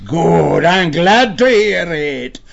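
A man doing a booming old badger lord. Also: lively intonation, gravelly, exaggerated voice. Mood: stately. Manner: slow, booming and grave. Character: huge old male badger lord, fierce and wise. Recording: dull lo-fi audiobook recording.

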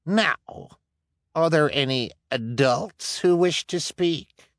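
A man voicing a scheming woman police officer who speaks slowly and condescendingly. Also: mid-range voice, big pitch swings, no room sound, clean studio sound, voice pushed up. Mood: smug. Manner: slow, condescending.

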